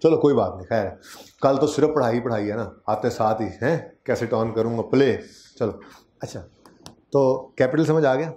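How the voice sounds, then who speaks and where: Warm in tone, mid-range in pitch, and moderate in pace, this male accounting teacher lectures in an echoey classroom. He goes through the material step by step while regularly checking in with his students.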